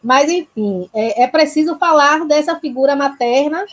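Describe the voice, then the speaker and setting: A woman's voice: sits high, moderate pace. A woman with a Bahian Brazilian accent talking reflectively and earnestly as a host, often adding tag questions to seek agreement. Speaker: panel host, health project institutional supporter. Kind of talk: reflective conversational talk.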